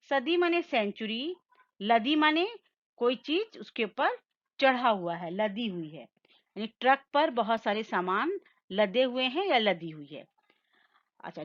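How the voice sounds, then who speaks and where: A woman teacher with a slightly high voice speaks very slowly and patiently, breaking each word into its sounds and explaining what it means. The recording is dull and lo-fi. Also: a bit bright. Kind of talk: slow classroom lesson with call-and-repeat.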